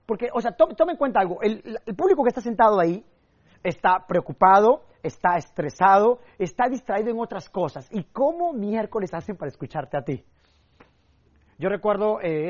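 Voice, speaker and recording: A young man teaching public speaking, energetic and emphatic, telling stories and acting out what people said. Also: high voice, highs cut off. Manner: energetic, emphatic, acts out quotes and sound effects. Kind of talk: motivational speaking lesson with stories.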